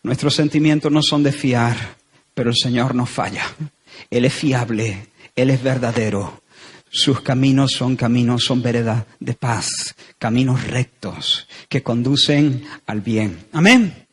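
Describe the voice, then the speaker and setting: A man's voice: medium pitch, measured pace, slightly rough. A man with a Spanish accent from Spain, preaching a sermon as a pastor, earnest and emphatic, repeating phrases for stress.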